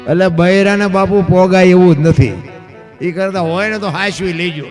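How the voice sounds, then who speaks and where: A man telling a village folk tale in a rustic, lively way, acting out the dialogue and calling his listeners bapu. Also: high-pitched, normal speed, faint music behind. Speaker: folk storyteller.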